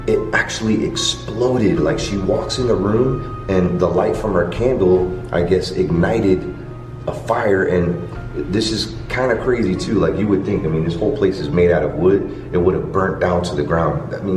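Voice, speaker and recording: Very deep-voiced man in a roomy space. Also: moderate pace. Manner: colloquial, rambling explanations with frequent "you know". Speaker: vlog host. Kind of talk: casual walk-and-talk ghost tour vlog narration. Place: indoors in a large hotel. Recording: roomy echo with background music. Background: music.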